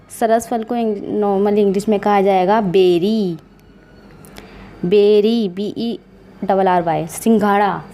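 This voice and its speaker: Slow, mellow-voiced woman teacher. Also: medium pitch, slight background noise. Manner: spells words out letter by letter. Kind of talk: slow, patient vocabulary lesson.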